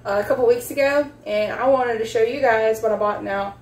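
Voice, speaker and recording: With a fairly high pitch, a darkish tone, and a slightly fast pace, a young woman with a South Louisiana accent rambles through a casual haul video full of ums. She's a vlogger indoors at home in a small room with a table. A phone camera set back on the table records her, sounding distant with faint room noise.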